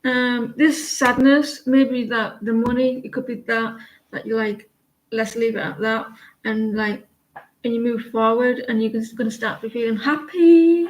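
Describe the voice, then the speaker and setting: Slow, chatty woman reading tarot. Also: a little high, steady tone. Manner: chatty, halting, sings snatches of songs between readings. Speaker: tarot reader. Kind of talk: casual live tarot reading. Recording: echoey room, faint noise.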